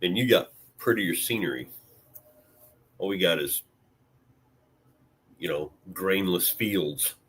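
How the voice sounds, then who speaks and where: A very low-voiced man from Illinois chats with his stream viewers in a loose, rambling way. His talk is full of fillers and the odd curse. He sounds close to the mic. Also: takes it slowly, pauses often, fairly bright tone, slightly rough. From Illinois, USA. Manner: laid-back, rambling, with many fillers and mild swearing. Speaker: vlogger chatting with live viewers. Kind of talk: casual live-stream chat.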